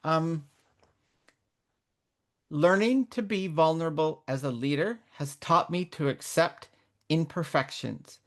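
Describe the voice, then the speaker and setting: A middle-aged woman, born in Northern Ireland and raised in Canada, speaks as a guest mentor in a candid interview. Her voice is low and slow with long pauses, and she comes across as earnest and reflective, often restarting her sentences.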